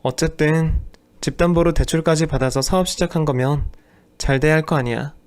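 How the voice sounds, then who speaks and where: A man voicing a selfish, nagging young wife in a radio drama, talking in a sharp, dismissive way. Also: fairly high pitch, a little fast, pitched above the performer's own voice, close to an everyday voice. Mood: scolding.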